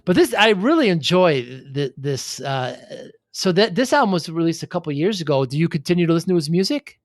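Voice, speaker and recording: Guy hosting a music podcast, voice jumps around a lot, kinda high, laughs a bunch, dry close mic. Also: sing-song, no room sound. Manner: eager, laughs often, quick questions. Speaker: podcast host. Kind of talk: casual chat.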